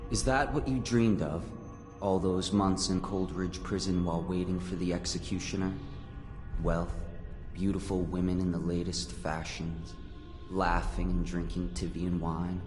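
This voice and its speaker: Low, echoing, cryptic otherworldly being. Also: male voice, steady tone. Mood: aloof, taunting. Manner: measured, taunting, portentous. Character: cryptic, aloof supernatural male being who sees futures. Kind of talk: video game dramatic monologue. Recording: echoing reverberant hall, music behind.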